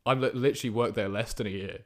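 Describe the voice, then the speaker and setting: A man's voice: fairly low pitch, rapid-fire. A young man co-hosting a podcast, telling a long story in casual chat, often restarting and laughing. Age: young adult. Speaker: podcast co-host.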